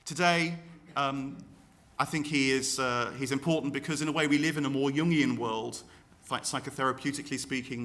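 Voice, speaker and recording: Man, reflective commentator, level monotone delivery, mid pitch. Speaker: philosopher being interviewed.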